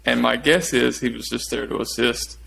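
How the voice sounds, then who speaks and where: Male podcast co-host with a gravelly edge, middle pitch, loose and teasing. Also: fairly even intonation, moderate pace, a bit bright. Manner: rambling, teasing, with many restarts and fillers. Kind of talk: casual chat.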